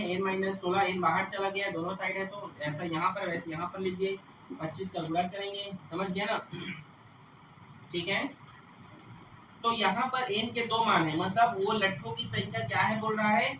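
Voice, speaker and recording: Stern classroom teacher, keeps asking "understood?", distant boomy room, street noise. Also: male voice. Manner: scolds and lectures students; checks understanding with repeated questions. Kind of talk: classroom math lesson. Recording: echoey classroom from far off, traffic noise.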